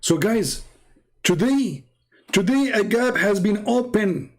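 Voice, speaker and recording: Hosting a religious debate show, a non-native English speaker pokes fun at religious texts in sarcastic, emphatic commentary, full of rhetorical questions and repeated words. His voice sits high, with lively intonation and a slow pace.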